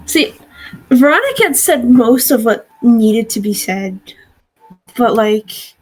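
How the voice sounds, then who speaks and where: A young woman playing a tabletop game, earnest and quick to laugh. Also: fairly high pitch, lively intonation, soft background music. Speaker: player. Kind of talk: tabletop game play, in-character pleading.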